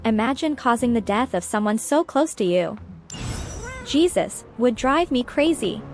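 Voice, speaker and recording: Chatty woman streaming a game, kinda high voice, game music faint under her. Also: lively intonation, measured pace, darkish tone. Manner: chatty, musing aloud. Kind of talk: casual gameplay commentary.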